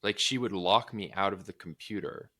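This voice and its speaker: A man's voice: deep voice, moderate pace, pushed and bright. A young man co-hosting a podcast, talking loosely with lots of filler words and some swearing. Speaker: podcast co-host. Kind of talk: casual chat.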